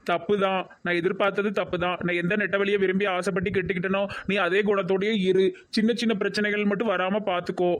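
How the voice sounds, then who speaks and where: A man voicing a gentle, preachy young husband in a cartoon, with a Tirunelveli Tamil accent and an earnest, pleading manner. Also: high voice, little pitch movement, fast, hardly any pauses, close to an everyday voice.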